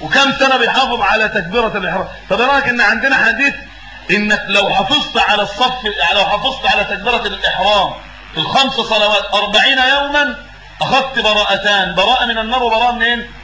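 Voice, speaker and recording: A man's voice: high voice, racing, pushed and bright, roomy sound, slight background noise, poor audio. A man with an Egyptian accent giving a religious lesson as a preacher. He asks questions and fills in the answers himself, and he repeats words for emphasis. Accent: Egyptian Arabic.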